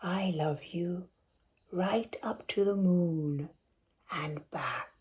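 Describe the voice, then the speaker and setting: A woman voicing a big, doting adult male hare in a storybook, tender, deliberate and reassuring. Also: lowish voice, a little mellow. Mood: hushed, loving. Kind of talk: storybook character voice.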